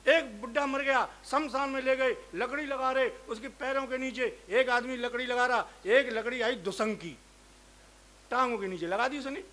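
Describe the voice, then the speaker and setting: A man's voice: extremely high pitch, moderate pace, pushed and bright. A male comic poet, telling rustic village jokes on stage. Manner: rustic anecdotal joke-telling with dialect. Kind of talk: stage comedy storytelling.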